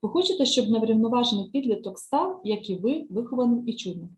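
A woman teacher trainer giving a step-by-step screen-share software tutorial, patiently explaining each click and lesson task and often checking "right?". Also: on the high side, animated, quick pace, low-quality recording.

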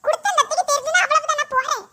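A know-it-all little boy in a cartoon teases and refuses, as a voice actor plays him. He speaks with a Kanyakumari Tamil accent. His voice is very high. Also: very fast, sharp tone, a little hiss or hum, heavily acted. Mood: cheeky. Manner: teasing, refusing. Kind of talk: cartoon voice acting.

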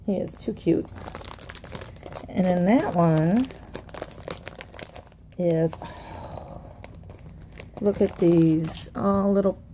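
A woman's voice: fairly low pitch, very slow, long pauses, warm tone, slight background noise. A woman chatting casually to viewers as she unwraps craft mail, gushing and a little tired. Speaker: craft vlogger. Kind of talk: casual unboxing chat.

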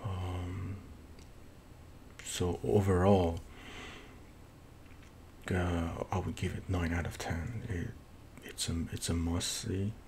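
Low-pitched man with thick Persian accent. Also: level tone, gravelly, a little mellow. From Iran. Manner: halting, searching for words with repeated false starts. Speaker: film reviewer. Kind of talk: casual unscripted movie review. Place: small home office, indoors. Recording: noisy room recording with low rumble.

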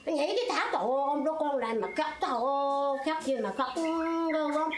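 An older former stage actress from Phú Yên, telling a wartime memory in an animated, exclamatory way. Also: female voice, fast talker, echoey room. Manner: animated storyteller, pitch leaping high in exclamations. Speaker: former hát bội actress. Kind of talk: emotional war memory interview.

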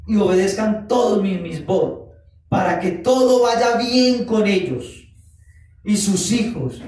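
A man preaching a sermon, animated, acting out quoted voices and drawing out phrases for emphasis. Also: sits high. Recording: echoey room, voice from far off the mic.

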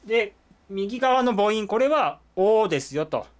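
A man teaching a language lesson at a whiteboard. His voice is somewhat high, and his pitch bounces around a lot as he explains each word. He pauses often with drawn-out fillers. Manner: lively, explanatory, with frequent "eh" fillers.

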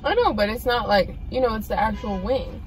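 This young adult woman, co-reviewing alongside her parent the host, talks fairly quickly in a slightly high, expressive voice. She offers blunt, easygoing opinions in a casual food chat inside a parked car. Recorded on a dashboard phone camera a little way off, the audio carries a bit of hiss or hum.

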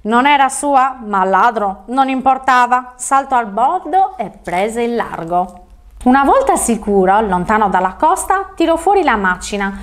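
Woman reading a kids' fairy tale, high voice, lively and expressive. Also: normal speed. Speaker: storyteller on a children's show. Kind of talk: storybook reading for children.

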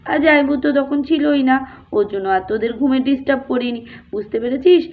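A woman voicing a cheerful younger sister who briskly explains things, in a doll-play story. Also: high voice, narrow, tinny audio. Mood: explaining.

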